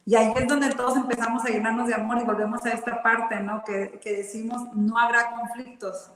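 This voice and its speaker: Una mujer que participa en una charla religiosa, lee una cita y reflexiona con seriedad. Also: female voice, fairly high pitch, flat delivery, fast talker, distant mic, a little hiss or hum. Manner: reads a quote, then reflects earnestly. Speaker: panelist. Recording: echoey room with long reverb.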